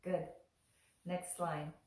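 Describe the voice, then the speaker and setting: A woman teaching mantra chanting in a gentle spoken lesson, leading call-and-response lines that she draws out in song. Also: on the low side, flat delivery. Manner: soft, unhurried teaching, lifting into drawn-out sung chant lines. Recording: roomy echo, voice heard from a distance.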